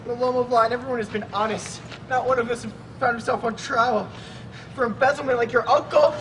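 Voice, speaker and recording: A woman's voice: a little high, fairly even intonation, fairly quick, close to an everyday voice. Indignant young suitor, read by a woman outdoors, noisy open courtyard. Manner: indignant, insistent, rising to shouts. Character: touchy young male landowner suitor, anxious. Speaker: student actor. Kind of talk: live outdoor play reading. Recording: distant voice over loud crowd noise.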